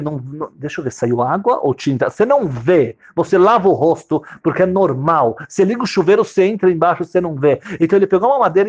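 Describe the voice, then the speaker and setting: A man's voice: a little high, lo-fi sound. A man teaching a Torah lesson, reading Hebrew verses and explaining them with theatrical, dramatized storytelling.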